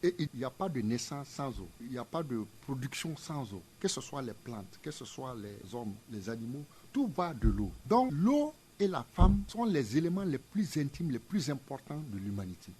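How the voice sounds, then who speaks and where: A man's voice: medium pitch, big pitch swings, moderate pace, hardly any pauses, dark tone, a little hiss or hum. A man, a museum director explaining his ideas in an interview with emphatic, repetitive phrasing. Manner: emphatic, didactic, repeats phrases in parallel pairs.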